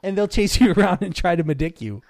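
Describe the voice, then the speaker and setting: A man's voice: high voice, expressive, a little fast, vocal fry, darkish tone, studio quality. A man hosting a casual chat, laughing often and echoing guests' words back as questions. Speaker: host.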